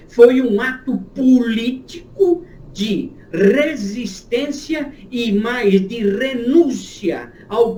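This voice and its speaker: A man's voice: very high-pitched, a little mellow, roomy sound, a little hiss or hum. A man who is a pastor and church history professor, answering an interview question with a long, emphatic, lecturing explanation.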